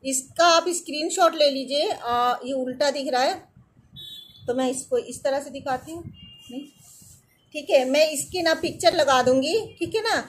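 A woman's voice: high-pitched, moderate pace. A woman in her thirties talks casually to her viewers from an indoor room, giving earnest, reassuring skincare advice and often asking if they follow. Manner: earnest, reassuring, often adds "theek hai na". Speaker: beauty and skincare vlogger.

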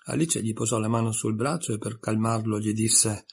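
A man reading a children's novel aloud in calm, measured narration. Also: on the low side, vocal fry, breathy edge. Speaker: audiobook reader. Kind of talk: scripted narration.

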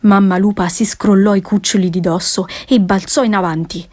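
A woman narrating an audiobook of a classic adventure tale, reading in a measured, expressive way. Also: medium pitch.

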